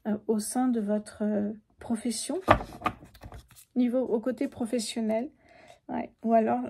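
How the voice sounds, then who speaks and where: A woman in her fifties with a sore throat, speaking softly and sometimes whispering as she lays out a tarot reading. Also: a little high, breathy edge. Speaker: tarot card reader.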